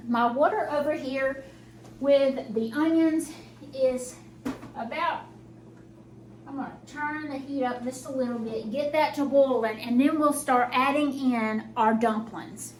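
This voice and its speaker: A high-pitched woman talks viewers through her cooking step by step. Her speech is slightly hampered by new dental braces. She is casual and folksy, with faint household noise and crinkling in the background. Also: measured pace. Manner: chatty, folksy, narrating each step as she works. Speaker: home cook hosting a cooking vlog. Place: home kitchen while cooking.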